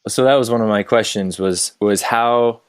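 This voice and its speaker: Low-voiced man asking halting questions. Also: clear, resonant tone. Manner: halting questions, repeats words. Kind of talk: casual interview questions.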